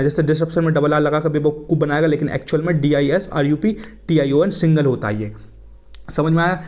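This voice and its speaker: A male English teacher with an Indian English accent, speaking in a voice slightly higher than usual. His lesson is casual and chatty, and he keeps addressing the viewers as friends while switching between Hindi and English. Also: a little mellow.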